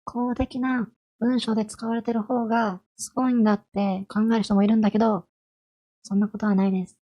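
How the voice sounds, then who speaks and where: A woman's voice: on the high side, little pitch movement, brisk, warm tone. A woman in her twenties giving a chatty, friendly explainer lesson on language, asking her listeners rhetorical questions. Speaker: language vtuber.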